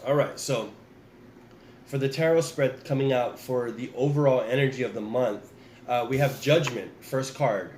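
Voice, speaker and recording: A tarot reader speaks directly to his audience in a casual reading as he recovers from the flu, relaxed and often restarting or repeating himself. His medium-pitched voice moves at a normal speed, and the sound is reverberant with slight background noise.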